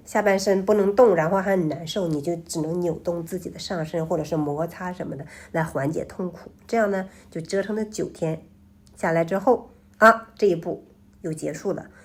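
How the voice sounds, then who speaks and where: A woman with a fairly low, husky voice narrates suspense tales in a conversational way. She explains things step by step, often pausing to restate a phrase before carrying on. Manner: halting, explanatory, with repeated rephrasing. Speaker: storyteller host.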